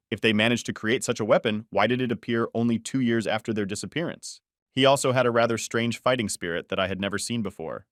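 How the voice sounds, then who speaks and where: A man reading a scripted story recap narration in a steady storytelling manner. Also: mid-range voice, no echo, studio quality.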